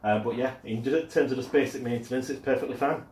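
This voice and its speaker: Talking fast in a medium-pitched, slightly mellow voice, a man reviews a product in his echoey home garage, filmed on his mobile phone camera. He hesitates often with ums and uhs, and there is slight background noise.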